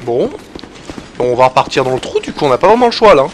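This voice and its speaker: A man giving excitable gameplay commentary, swearing often and talking to his viewers, with loud game sound behind him. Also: mid-range voice, fast talker. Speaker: gaming channel host. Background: game audio and noise.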